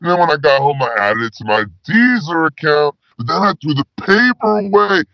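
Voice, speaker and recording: A man playing a rambling, slang-talking male spy who calls in with his voice pitched down. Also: expressive, brisk, creaky, no room sound. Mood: laid-back. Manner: stoner slang, rambling, laid-back. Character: slacker male spy caller with disguised voice. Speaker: caller. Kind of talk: comedy call-in sketch. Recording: dull lo-fi phone call.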